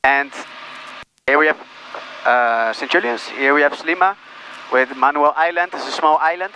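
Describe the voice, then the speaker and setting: A man's voice: a little high, normal speed, pushed and bright, low-quality recording. A man who is a pilot, giving casual cockpit commentary and radio calls through a headset. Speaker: pilot and vlogger. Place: small aircraft cockpit in flight. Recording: cockpit headset with faint engine noise.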